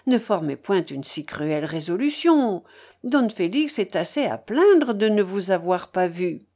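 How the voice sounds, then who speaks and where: A woman's voice: mid-range voice, sing-song, unhurried, mellow. A woman reading the part of a gallant, admiring young nobleman in a storybook, with earnest, courtly speech. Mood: pleading.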